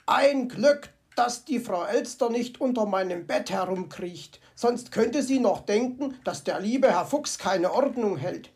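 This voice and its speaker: A woman's voice: mid-range voice, animated, measured pace, few pauses, darkish tone. A woman voicing a cheerful, fussy male fox from a children's storybook who chatters to himself with comic grumbling. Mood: delighted. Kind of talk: storybook character voice.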